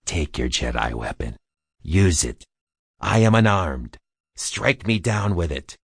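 Film villain: cruel old tyrant emperor, dragging slow pace, rasping low growl. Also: male voice, very animated, no echo, clean studio sound, heavily acted. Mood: taunting. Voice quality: gravelly, husky, menacing whisper-like delivery. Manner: slow, taunting, relishing cruelty. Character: sinister old male galactic emperor, gloating tyrant.

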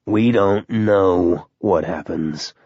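A man voicing a menacing, inhuman male creature in a yellow coat who speaks slowly in a buzzing, meditative, lecturing way. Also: sits low, husky, no room sound, muffled recording, exaggerated voice. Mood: cold lecturing. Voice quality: buzzing, slow and measured.

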